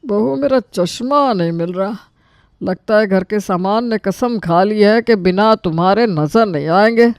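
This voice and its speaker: A joking, kindly old father-in-law from an animated family story, played by a voice actor. He speaks gently and teasingly. The recording is dry and close. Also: high-pitched, a little slow, clean tone, no room sound.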